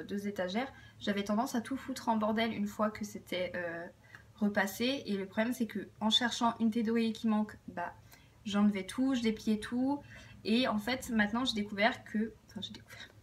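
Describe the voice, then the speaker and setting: A woman's voice: medium pitch, far from the mic. A woman chatting casually about household tips, rambling with many fillers and self-corrections. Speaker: vlogger sharing household tips. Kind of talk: casual chat to camera.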